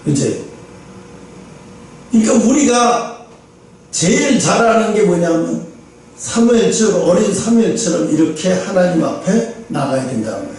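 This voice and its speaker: A male pastor preaching a sermon in a lively, informal way, often acting out direct questions to the listeners. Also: high-pitched, measured pace, long pauses, far from the mic, slight background noise. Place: large church hall. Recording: echoey church hall, voice from afar.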